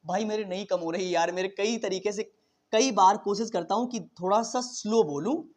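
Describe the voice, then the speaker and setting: Talking very fast in a high voice, this man leads an exam-prep lesson in a casual, chatty style with English terms mixed in. He frequently checks in with his students and admits he can't slow down.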